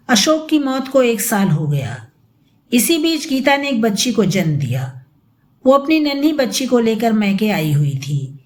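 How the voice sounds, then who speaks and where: Brief: woman narrator, audiobook story, high voice, expressive and dramatic.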